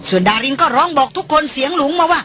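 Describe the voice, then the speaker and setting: A woman reading an adventure novel aloud as an audiobook in a steady, measured storytelling voice. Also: sits high, faint music behind. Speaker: audiobook reader. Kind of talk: scripted narration.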